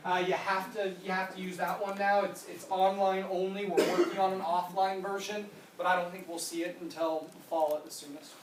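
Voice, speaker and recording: An insurance product trainer in their thirties explains policy details in a conference room and fields audience questions with quick "yep" and "nope" answers. The middle-pitched voice is flat, captured by a distant mic in a roomy, echoing space with faint background noise.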